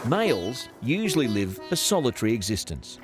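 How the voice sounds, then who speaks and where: A male narrator delivers a scripted documentary voice-over. His pitch is mid-range and moves expressively through the sentences, with music clearly playing underneath. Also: sing-song, moderate pace.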